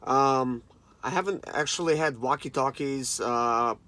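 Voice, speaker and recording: Talking to camera as he unboxes and reviews a product, a man in his thirties keeps things informal and addresses viewers as "guys." His medium-pitched voice is bright and forceful, and he speaks a little slowly.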